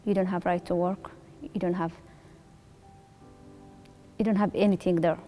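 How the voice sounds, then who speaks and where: A woman's voice: on the low side, fairly even intonation, normal speed, dark tone, soft background music. A woman, a resettled refugee speaking earnestly in simple phrasing in a documentary interview. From Eritrea.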